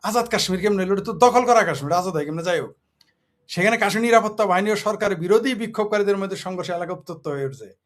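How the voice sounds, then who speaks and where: A man's voice: sits high, very fast. A man from Bangladesh delivering a heated political monologue, combative and scornful, full of rhetorical questions. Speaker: political commentator.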